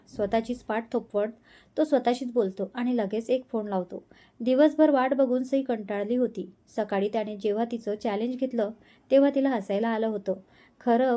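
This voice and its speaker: A woman storyteller narrating a romance serial in a gentle, even manner. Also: on the high side.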